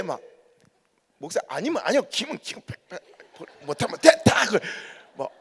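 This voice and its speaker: A man preaching a revival sermon as a pastor, telling humorous stories with mimicked dialect quotes. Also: extremely high pitch. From Korea, raised in Chungcheong. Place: large church sanctuary. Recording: long church reverb.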